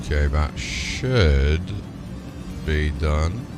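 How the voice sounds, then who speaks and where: Speaking very slowly in a rumbling low voice, this man is animated as he livestreams, chatting casually and narrating his tasks aloud. Music plays behind him throughout.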